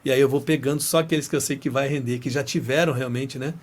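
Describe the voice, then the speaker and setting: A middle-aged Brazilian man with a Brazilian Portuguese accent talks fast in a mid-range voice with fairly even intonation. He's a chatty interview guest telling casual stories, often tacking "né" onto his phrases.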